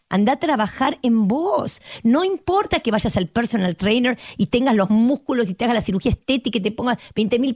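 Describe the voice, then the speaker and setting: A woman speaking with an Argentine Spanish accent, a guest therapist in a podcast conversation who talks emphatically and passionately and acts out quotes with a lively voice. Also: fairly high pitch, no room sound, clean studio sound.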